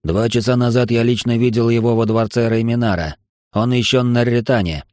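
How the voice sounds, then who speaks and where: A man's voice: medium pitch, fairly even intonation, a little fast, darkish tone, no room sound, studio quality, close to an everyday voice. A man voicing a bitter, spiteful alien male outlaw with tail spikes, speaking in a sneering, mocking way for an audiobook. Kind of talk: audiobook character voice.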